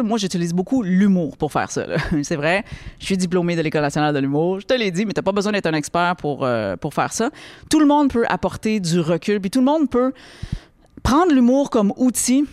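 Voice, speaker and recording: A woman's voice: mid-range voice, no echo, clean studio sound. A woman with a Québécois accent giving a casual instructional talk as a creative workshop guide. She speaks to the listener directly and often checks that they follow. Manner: chatty, addresses the listener directly with frequent checks for understanding.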